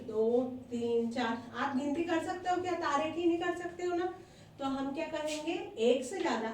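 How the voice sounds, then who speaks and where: A woman's voice: sits high, slight background noise. A woman teaching a class of young children, asking them questions and repeating the answers. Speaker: primary school teacher. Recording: echoey room, voice from a distance.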